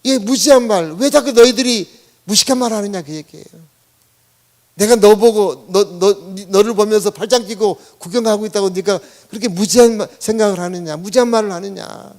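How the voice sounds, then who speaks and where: A man's voice: high voice, normal speed, darkish tone. A man, the senior pastor, preaching a Sunday sermon in a church, talking conversationally and often asking the congregation questions. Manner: conversational preaching, asks the congregation questions, leads them in reading aloud. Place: church sanctuary.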